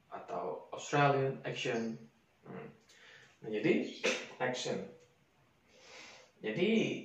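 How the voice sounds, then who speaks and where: A man's voice: medium pitch, recorded from a distance, highs cut off. A man giving a casual spoken lesson, explaining step by step and sounding out example words again and again. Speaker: English teacher. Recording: echoey room, voice set back from the mic.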